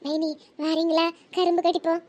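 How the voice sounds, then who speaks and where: Playful young sister-in-law, voiced by a woman, squeaky. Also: level tone, normal speed, darkish tone, dull audio. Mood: coaxing. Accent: Tirunelveli Tamil. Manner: coaxing, teasing. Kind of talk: cartoon comedy voice acting.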